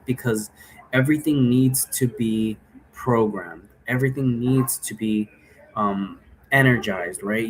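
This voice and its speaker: In a low-quality recording, a man with a mid-range voice rambles casually through an explanation of role play rules, vlogger-style. He frequently ends lines with a questioning "right?" to check in.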